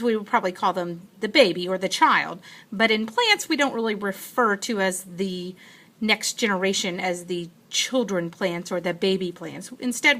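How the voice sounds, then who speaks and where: A female teacher delivers a science lecture in class, patient and explanatory, voicing her thoughts while writing. Her voice is mid-range and sharp in tone.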